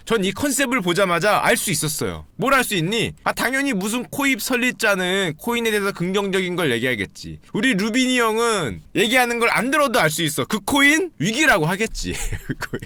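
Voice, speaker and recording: A man giving casual, jokey commentary, animated and often acting out what others say. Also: on the high side, dry recording. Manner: animated, jokey, acts out quotes; frequent laughter, banter-like asides.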